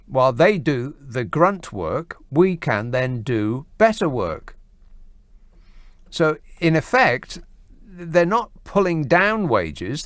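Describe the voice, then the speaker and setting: A medium-pitched male voice with no room sound comes from a studio microphone on a late-night phone-in show. The host ponders things wryly, trailing away mid-thought and beginning again.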